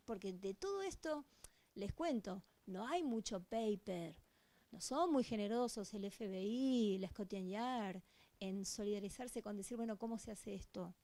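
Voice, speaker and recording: A woman with an Argentine accent lectures at a conference, her slightly high voice soft and mellow. She teaches by posing rhetorical questions and answering them herself, speaking into a microphone on stage. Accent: Argentine Spanish. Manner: didactic, many rhetorical questions. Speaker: police voice-analysis expert speaker. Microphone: handheld or stand microphone.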